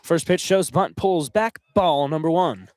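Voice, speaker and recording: A man's voice: a little high, measured pace, dry recording. Young man calling college baseball play-by-play. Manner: excitable, voice climbs on big plays. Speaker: play-by-play announcer.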